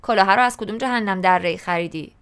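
A woman's voice: mid-range voice, a bit bright, clean tone, natural voice. A woman voicing a nosy, tactless eighteen-year-old schoolboy who asks blunt, nagging questions in an audiobook. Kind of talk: audiobook character reading.

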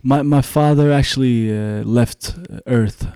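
Swedish-accented man, dark dry voice. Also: medium pitch, clear, resonant tone, dry recording. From Sweden. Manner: relaxed, halting, many "you know" fillers. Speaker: guest, dancer and musician. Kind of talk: casual interview conversation.

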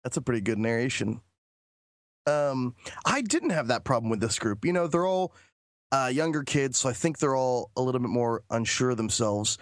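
A man co-hosting a podcast, chatting casually and telling animated anecdotes. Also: mid-range voice, normal speed, no echo, studio quality. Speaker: podcast co-host. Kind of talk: casual chat.

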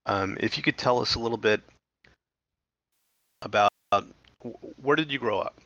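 Over dull, dry teleconference audio with no room sound, a man hosts an interview for his podcast. His mid-range voice has a sharp tone and a moderate pace. He starts by reading a sponsor note, then slips into loose chat full of fillers.

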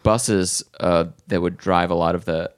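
A man's voice: deep voice, steady tone, a little slow, no echo, clean studio sound. A man co-hosting a comedy podcast, talking in a candid, rambling way. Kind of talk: casual chat.

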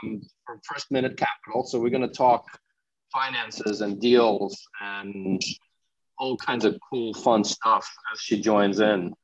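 A man's voice: lowish voice, steady tone, measured pace. A man hosting a podcast, chatting casually and rambling with fillers. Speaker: podcast host. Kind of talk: casual chat. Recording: dull lo-fi audio.

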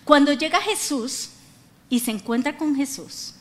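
A middle-aged woman preaching a lively sermon, acting out quoted voices and prompting the audience to repeat after her. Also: high-pitched, unhurried.

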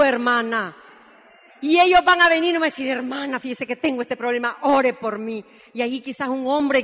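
A woman's voice: high voice, a bit bright. A woman preaching a sermon in a church, emphatic and repeatedly calling her listeners sisters. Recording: long reverb in a church hall.

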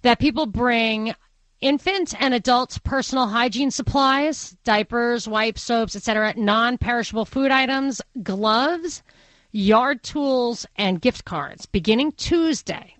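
A woman's voice: a little high, a little slow, fairly bright tone, no echo, rough recording. A woman with a Brooklyn accent hosting a radio talk show, speaking conversationally and thinking aloud in opinionated digressions. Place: radio studio. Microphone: close studio microphone.

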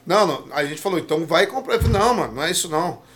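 Male guest, fast and bright, joking, animated storyteller. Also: on the high side, breathy edge. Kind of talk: casual chat.

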